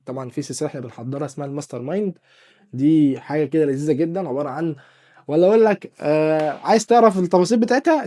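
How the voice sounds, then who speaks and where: A man with an Egyptian Arabic accent hosting a casual, joking software tutorial and talking straight to the viewer. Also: on the high side. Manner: chatty, joking, addresses viewer as dear artist. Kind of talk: casual screen-recorded tutorial.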